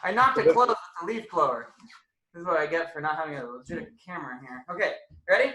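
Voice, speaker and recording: An informal, playful science presenter talks to kids on a live online video call from a spacious indoor room, and the audio echoes with slight background noise. Medium in pitch, the voice is expressive, quick, pushed and bright.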